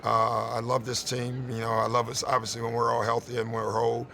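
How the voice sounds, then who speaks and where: A male head coach at a postgame press conference, speaking at a middling pitch with a gravelly edge. His delivery is candid and conversational, loose and full of "you know" and "listen" as he works through his answers. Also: monotone, a little fast, pushed and bright.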